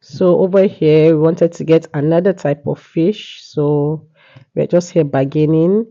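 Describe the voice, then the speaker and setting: With a cold-congested voice, a Nigerian woman vlogger talks casually about a market, frequently using "yeah" and "you know." Her deep, warm voice is unhurried and fairly even in intonation. The recording sounds muffled.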